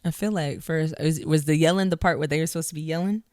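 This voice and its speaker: A soft-spoken podcast co-host who talks in a calm, measured way and explains each point at length in casual discussion. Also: medium pitch, no echo, studio quality.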